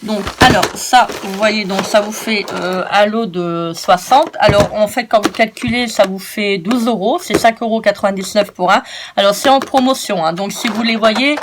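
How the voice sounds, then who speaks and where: A woman's voice: medium pitch, normal speed, background noise. A woman chatting casually as a vlogger, showing off her craft-shop purchases in a playful, joking way. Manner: chatty and playful, often scolds herself jokingly. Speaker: craft shopping-haul vlogger.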